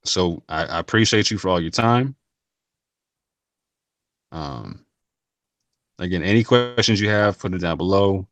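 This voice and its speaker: Male vlogger, very low voice, earnest and slangy, many restarts, dry close sound. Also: lively intonation, measured pace, long pauses, no echo. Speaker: channel host. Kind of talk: casual talk to camera.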